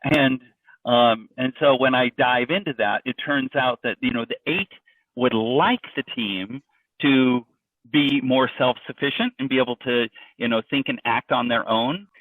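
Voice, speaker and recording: A man's voice: medium pitch, a little slow, no room sound. Man presenting over a tinny call line. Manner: conversational, loose, with frequent fillers and restarts. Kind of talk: informal webinar presentation. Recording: dry, distant, phone-like audio.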